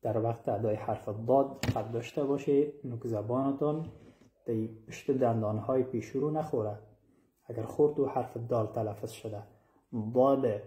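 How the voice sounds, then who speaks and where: Man, warm mellow voice, patient pronunciation teacher, echoey room. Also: medium pitch. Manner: explains slowly and repeats sounds, drawing out demonstrated syllables. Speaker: Quran recitation teacher. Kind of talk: tajweed pronunciation lesson.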